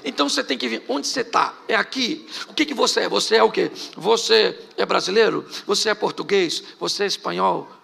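A man's voice: high-pitched, brisk, vocal fry, hardly any pauses, fairly bright tone, breathy edge. A middle-aged Brazilian man preaching a sermon as pastor, firing off rhetorical questions and joking asides.

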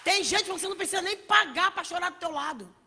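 A woman preaching a sermon with passion, swinging between shouts and hushed asides, in a church hall. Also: extremely high pitch, expressive, fast talker, a faint crowd, slight background noise. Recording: long reverb of a large hall.

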